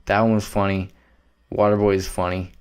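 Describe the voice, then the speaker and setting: Rambling young man, low voice. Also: level tone, moderate pace, a little mellow, smooth. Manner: rambling, profane, loose and offhand. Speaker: podcast host. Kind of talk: solo podcast rambling.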